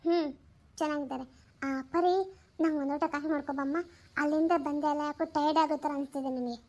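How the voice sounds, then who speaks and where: A grumpy older mother-in-law questions her family with quiet suspicion in a comedy sketch, as a woman puts her on. She talks in a low, tired grumble, quick to feel slighted. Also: fairly even intonation. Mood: huffy tired.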